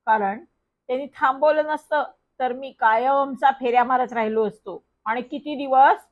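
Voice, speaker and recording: A woman reading a children's story aloud, telling it in a lively first-person way. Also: high voice, normal speed. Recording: dull lo-fi recording.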